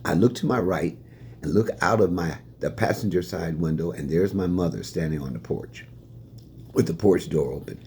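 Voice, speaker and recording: A man's voice: sits low, moderate pace, slight background noise. An older man from Indiana telling stories from his life, chuckling as he answers questions. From Fort Wayne, Indiana, USA. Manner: animated, chuckling anecdotal storytelling. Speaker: retiring staff member sharing life lessons.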